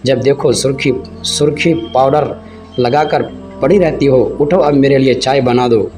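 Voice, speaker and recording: A man's voice: medium pitch, fairly even intonation, measured pace, a little mellow, faint music behind, lightly acted. A man voicing a harsh older father-in-law who scolds and stumbles over his words. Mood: angry.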